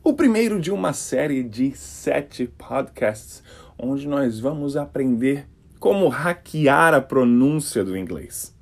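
A man from Brasília with a Brasília Portuguese accent, an English teacher giving an energetic podcast pronunciation lesson and acting out the sounds he teaches. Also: medium pitch, takes it slowly, gravelly. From Brasília, Brazil. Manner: energetic, demonstrative, exaggerates sounds.

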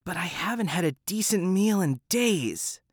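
A man's voice: sits high, animated, unhurried, no echo, studio quality, pitched above the performer's own voice. A man voicing a hungry, scheming female cat who whines and snarls. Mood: whiny. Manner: whining and snarling.

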